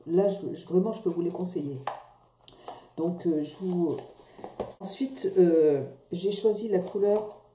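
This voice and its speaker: Woman beauty vlogger, dark mellow voice, hesitant and chatty, echoey home room with faint hiss. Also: on the low side, unhurried, pauses often. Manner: chatty, hesitant, many fillers and restarts. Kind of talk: casual product review.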